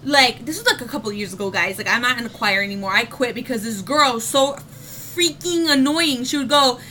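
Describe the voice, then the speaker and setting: A woman's voice: on the high side, brisk, bright, forceful tone, slight background noise. A young woman giving casual singing tips in a home vlog, chatty with lots of fillers, breaking into short sung demo notes.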